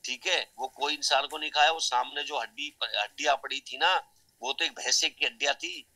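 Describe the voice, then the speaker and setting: A man's voice: on the high side, moderate pace, bright, forceful tone, rough recording. A man voicing a sly, tattletale male monkey in a spoken folk tale, chattering and fawning.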